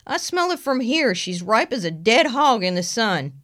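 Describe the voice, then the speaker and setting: A woman voicing a slow-witted male chief deputy with a plain, folksy drawl. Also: fairly high pitch, very animated, fairly bright tone, pitched above the performer's own voice.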